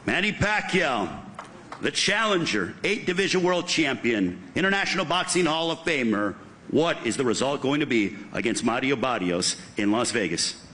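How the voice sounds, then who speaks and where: A man's voice: medium pitch, animated, normal speed, bright, forceful tone. A man hosting a boxing press conference like a fight promoter, with polished, punchy delivery and emphatic names and titles.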